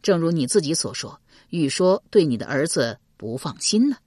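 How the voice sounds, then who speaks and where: A woman plays a shrewd statesman in an audiobook, speaking in a measured, authoritative way with a lively rise and fall. The voice is husky and recorded dry and close. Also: deep voice, dry recording, exaggerated voice. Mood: advising. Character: shrewd, calm male chancellor, middle-aged. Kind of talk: audiobook character voice.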